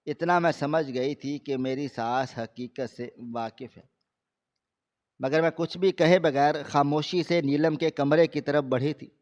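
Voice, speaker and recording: A man reading a scripted first-person story aloud in a steady, measured way. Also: fairly high pitch. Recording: slightly dull lo-fi recording.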